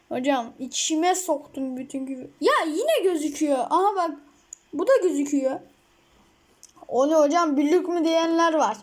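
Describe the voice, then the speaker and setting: A woman giving casual gameplay commentary, excitable and rambling, with frequent outbursts. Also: sits high. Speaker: mobile gamer.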